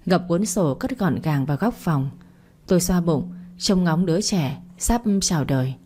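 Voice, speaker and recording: Woman narrating a dramatic story, low and mellow. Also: animated, moderate pace, slightly rough.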